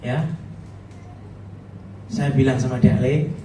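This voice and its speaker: A man's voice: on the high side, fairly quick, background noise. A middle-aged man with a Javanese accent, preaching a chatty, humorous sermon as a pastor. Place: church hall. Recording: echoey hall, voice from far off.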